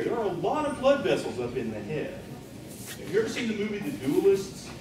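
A man speaks in a blunt, matter-of-fact way, somewhat high in pitch, lecturing to a room. The sound is very reverberant and distant, picked up by a camera far across a large hotel meeting room with steady background noise. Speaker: keynote speaker. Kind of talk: lecture with demonstration. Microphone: far camera, no visible mic.

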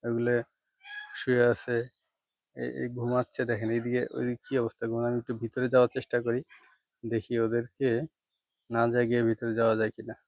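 A man in the middle of his own goat shed talks in a hushed, easy way, with a gravelly edge to a voice of ordinary pitch. The sound is dry and close, as if from a handheld phone. His tone is casual and explanatory, like a farmer showing viewers around. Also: completely flat delivery, fairly quick, pauses often, dry recording. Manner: speaks softly to avoid waking the goats. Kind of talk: casual farm vlog, walking commentary.

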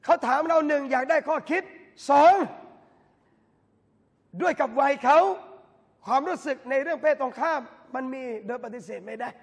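A man, a religious lecturer, giving a lively talk at a mosque event and bantering with the audience through direct questions. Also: very high-pitched, moderate pace, long pauses. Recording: long hall reverb from a mosque.

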